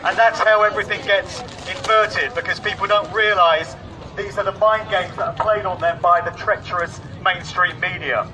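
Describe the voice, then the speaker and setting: A man's voice: high-pitched, steady tone, normal speed. A man from Oxford, giving an impassioned outdoor protest speech through a megaphone, full of rhetorical questions. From England, Oxford. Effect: speaking through a megaphone. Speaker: protest speaker. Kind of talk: rally speech. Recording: distant, muffled rally recording with crowd. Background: crowd and street noise.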